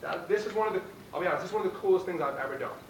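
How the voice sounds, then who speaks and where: A man with a slightly high voice delivers a motivational pep speech before a game. He is emphatic and rallying, hitting short phrases hard. The recording is distant and roomy, with clear noise behind him. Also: rapid-fire. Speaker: guest motivational speaker, fight trainer.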